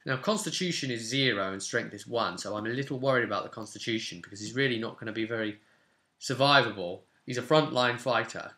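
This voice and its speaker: Quick-paced, pushed and bright, the medium-pitched voice belongs to a twenty-something tabletop roleplay host. He chats informally and thinks aloud while rolling a game character and explaining things to viewers. Recorded indoors in a small home room, the audio has a roomy echo with hiss and clicks behind it.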